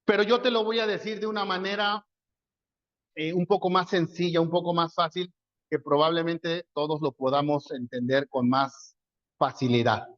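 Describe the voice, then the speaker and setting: A man's voice: on the high side, little pitch movement, normal speed, fairly bright tone, no room sound, lo-fi sound. A man with a Mexican accent preaching a sermon, telling a story in a conversational way and asking and answering his own questions. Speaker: pastor.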